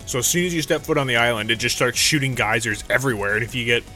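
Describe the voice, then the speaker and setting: A man's voice: mid-range voice, very fast, pushed and bright, faint music behind. A young man hosting a podcast, telling rambling, profane stories in casual chat into a studio mic. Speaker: podcast host. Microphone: studio mic through a mixer.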